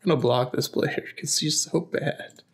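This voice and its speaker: A young man streaming from a small room at his desk, talking casually and haltingly, thinking aloud with lots of fillers. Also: fairly high pitch. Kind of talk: casual live-stream commentary.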